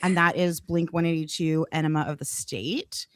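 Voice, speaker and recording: A woman's voice: low-pitched, steady tone, moderate pace, a bit bright, no room sound, clean studio sound. A woman co-hosting a music podcast, chatting casually and playfully and laughing easily. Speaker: podcast co-host. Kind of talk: casual chat about music.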